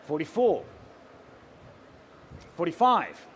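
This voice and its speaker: A man's voice: a little high, wildly swooping pitch, takes it slowly, a bit bright, a little hiss or hum. A man working as a live auctioneer, calling out rising bids and addressing bidders directly in a theatrical way.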